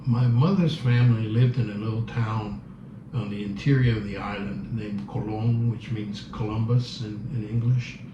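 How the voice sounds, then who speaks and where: Man in his seventies, native Spanish speaker, reflective, gentle, roomy echo, far from the mic. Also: fairly low pitch, steady tone, moderate pace. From Cuba. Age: 70s. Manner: thoughtful, searching for words, gentle. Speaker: interviewee. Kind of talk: reflective interview answers. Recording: roomy, distant, dull, noisy.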